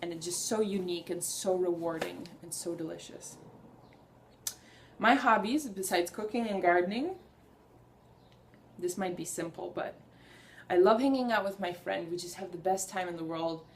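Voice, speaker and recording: Speaking at normal speed with frequent pauses, this young vlogger has a voice on the low side. Hungarian is her first language, and she chats to camera earnestly and eagerly, wandering a bit and starting her sentences over.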